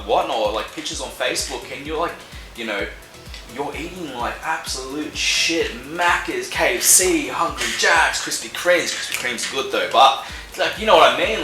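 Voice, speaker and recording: A young man with an Australian accent giving casual fitness advice, laid-back and full of slang and fillers. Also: fairly high pitch. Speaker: fitness vlogger. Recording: echoey room with faint music.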